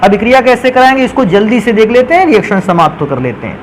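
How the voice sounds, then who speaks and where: A man's voice: high voice, sing-song, quick pace, slight background noise, low-quality recording. A male chemistry teacher lecturing a class, calling students "beta" and answering his own questions as he goes. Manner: calls students "beta", asks questions and answers them himself.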